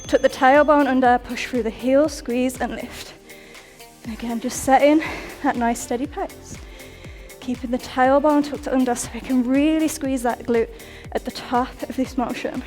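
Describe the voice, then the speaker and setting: A woman's voice: sits high, a little mellow. Young woman fitness instructor counting down reps, bit breathless, music underneath. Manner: upbeat coaching, counts down reps. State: out of breath at times. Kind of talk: workout instruction over music.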